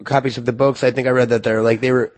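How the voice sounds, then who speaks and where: A man of mid-range pitch co-hosts a casual interview. He breaks in with loose, offhand questions and jokes. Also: little pitch movement, fast talker.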